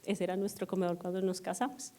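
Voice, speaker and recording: A middle-aged woman pastor, telling personal stories to her congregation in an animated, self-mocking way and checking in with the audience often. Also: lowish voice, fast talker. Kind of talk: storytelling sermon to a congregation. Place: church service.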